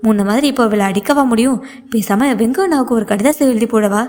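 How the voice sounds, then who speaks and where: A fretful older mother, read by a woman in her own slightly high voice, frets on and on in an anxious, complaining inner monologue. The lament stays steady and is told in a plain storybook reading. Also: quick pace, lightly acted.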